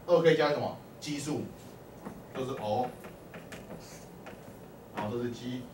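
A man's voice: mid-range voice, a little slow, darkish tone. A man teaching a math class, quizzing his students and prompting them with short calls to answer. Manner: constantly quizzes the class, peppering speech with "lai" and "o" prompts. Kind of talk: classroom lecture. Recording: echoey classroom from far off with faint hum.

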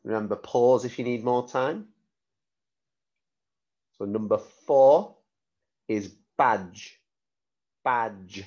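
A man speaking as a primary school teacher, giving slow, deliberate spelling dictation, repeating words and spelling them out letter by letter. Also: mid-range voice, a little mellow, highs cut off.

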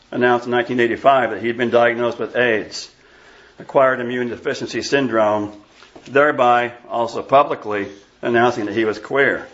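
A man's voice: mid-range voice, a bit bright, dull audio. Scornful man in his sixties preaching. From Iowa. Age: 60s. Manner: scornful, emphatic, chats with congregation. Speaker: pastor. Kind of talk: sermon. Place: church sanctuary.

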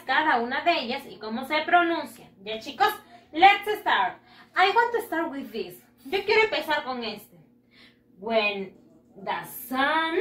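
Woman, schoolteacher, high voice, slow deliberate pace for repetition drills. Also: sharp tone, reverberant, recorded from a distance. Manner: slow, drawn-out words for children to repeat; switches between English and Spanish. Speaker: primary school English teacher. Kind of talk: bilingual classroom lesson.

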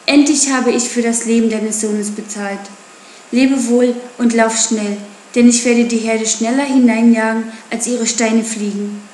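A woman's voice: fairly high pitch, steady tone, measured pace, a little mellow, reverberant, slight background noise, natural voice. A woman voicing a defiant wild boy raised by wolves, scornful and taunting. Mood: urgent.

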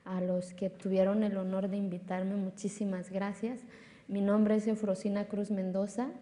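A woman from Oaxaca, Mexico, in her thirties, first language Zapotec, with a Mexican Spanish accent, speaks to an audience from a lit stage in a large hall. Her talk is earnest and emphatic, with phrases repeated for force. Her mellow, medium-pitched voice has little pitch movement and a moderate pace, and the hall is reverberant.

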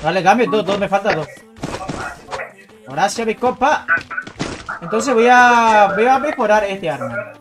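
A man giving excited live commentary on his gameplay, calling out to teammates and his chat as he plays. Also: sits high, measured pace, pauses often, over music. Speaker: gaming streamer.

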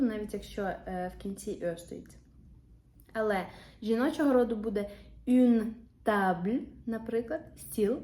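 Slow, patient woman teaching French numbers. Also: mid-range voice, warm tone. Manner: slow and careful, repeats each French word twice after the Ukrainian. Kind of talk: patient classroom explanation. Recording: roomy echo.

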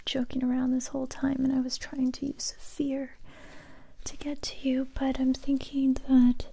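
A young adult ASMR performer whispers near the listener in character as a survivor who now interrogates gently but warily. Her voice is high and fully in character, breathy and even, delivered slowly, hesitantly and intimately into a close mic.

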